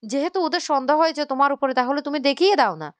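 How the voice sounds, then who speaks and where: A woman's voice: high voice, animated, very fast, no echo, pitched above the performer's own voice. A woman reading the lines of a young husband caught between his wife and his family, sounding exasperated and pleading.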